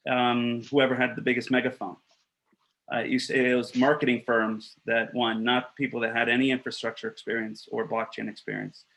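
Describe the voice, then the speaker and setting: A man in his thirties from Costa Rica, making an earnest and blunt pitch on a video call from a small room, with many fillers and restarts. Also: a bit bright, low-quality recording. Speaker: block producer candidate. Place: small room with wooden shelves, indoors. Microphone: webcam on a video call.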